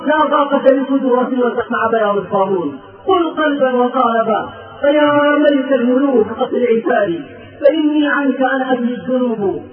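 A man preaching a sermon in a fervent, rhythmic way, telling a story and reciting verse. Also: very high-pitched. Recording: tinny, echoey, distant, with music.

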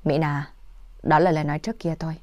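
A woman voicing a serious young male manager who answers in a steady, firm way. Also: low-pitched, fast, dry recording, natural voice.

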